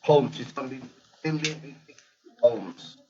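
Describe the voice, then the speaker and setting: A man, a parish priest, talking over a video call that keeps breaking up, answering in a halting way with many pauses and restarts. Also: mid-range voice, mellow. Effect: breaking-up video call connection. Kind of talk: answering questions in an online interview. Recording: dull lo-fi call line cutting out.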